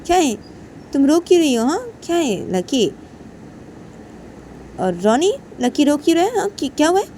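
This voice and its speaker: A woman playing an anxious mother who keeps firing questions, her pitch climbing high and loud with concern. The voice underneath stays dark and mellow. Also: big pitch swings, moderate pace, a little hiss or hum. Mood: worried. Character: older mother, worried and fussing.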